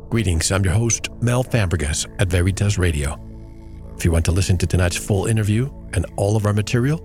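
A man hosting a radio interview show, introducing topics and a guest in a measured, earnest way. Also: fairly low pitch, darkish tone.

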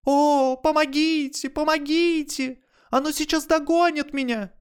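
A frightened young woman shrieks for help in a thin, high falsetto, as a man puts her on. Her pleas are stretched and wailing, the voice strained well above a normal speaking range. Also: steady tone, measured pace. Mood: desperate pleading. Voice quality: shrill falsetto. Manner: pleading, screaming.

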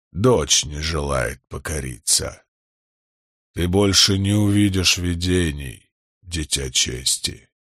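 A man voicing an ancient, cold male storm god in an audiobook, with a grave, rumbling delivery. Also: bright, forceful tone, slightly rough, no room sound, studio quality, full character voice.

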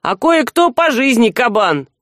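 A woman reading an audiobook voices a gruff young thief who grumbles and sounds suspicious. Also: a little high, very animated, unhurried, a bit bright, dry recording, clean studio sound. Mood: threatening.

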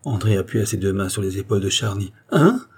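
A man narrating a classic novel as an audiobook, measured and even. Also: sits low, breathy edge.

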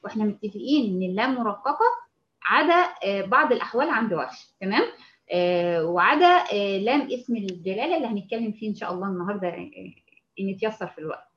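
A woman with an Egyptian Arabic accent teaching a Quran recitation lesson, patiently explaining and slowly demonstrating sounds. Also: mid-range voice, expressive, fairly bright tone, lo-fi sound. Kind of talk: tajweed lesson.

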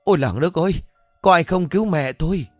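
A grown son, frantic and wailing, cries out in a high, loud voice, as a male storyteller puts him on. The sound is dry and close, with soft music underneath. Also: fairly quick, no room sound, lightly acted. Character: panicked grown son crying for help.

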